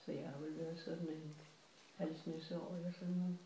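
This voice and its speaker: An older Danish woman reminiscing about her childhood in casual family chat, halting and repeating words. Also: low voice, little pitch movement, warm tone, a little hiss or hum. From Denmark. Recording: echoey room, faint ambience.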